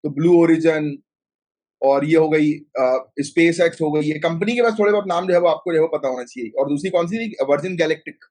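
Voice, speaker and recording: Chatty north Indian male tutor, fairly high voice. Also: darkish tone. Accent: Hindi-speaking north Indian. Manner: chatty, mixes Hindi with English terms, many fillers; asks students quick questions. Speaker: exam coaching teacher. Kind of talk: live online class on current affairs.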